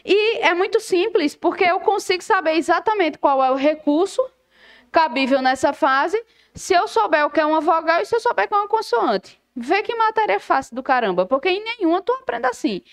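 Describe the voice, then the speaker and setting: Lively high-voiced woman teaching law. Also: brisk. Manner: lively, asks questions and answers them herself. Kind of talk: exam prep lecture.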